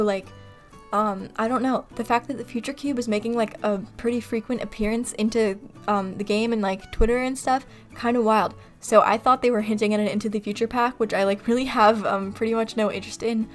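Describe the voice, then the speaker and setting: Woman, from California, casual voice-over, rambling, laughs at herself, desk mic. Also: medium pitch. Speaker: video creator. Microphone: desktop mic on computer recording software.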